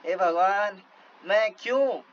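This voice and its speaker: A man's voice: sits high, slow pace, highs cut off, slight background noise. A man voicing an old holy man, frightened and weary, lamenting his fate. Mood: scared. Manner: fretful, lamenting.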